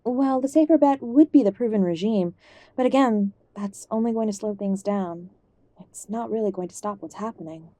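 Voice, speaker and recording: For an audio drama, a woman portrays a loving older mother in poor health, using a mid-range, mellow, soft-edged voice near her everyday one at normal speed. The sound is close and dry. She still fusses gently and uses endearments, old-fashioned and stubbornly hopeful, yet her mood here is resigned.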